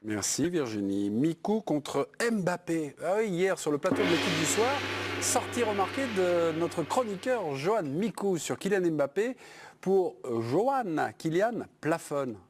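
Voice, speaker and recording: A man with a somewhat high voice hosting a TV sports show. He moves the talk along briskly, handing over to pundits, with faint music behind. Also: very animated. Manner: brisk, directing the panel. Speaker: host.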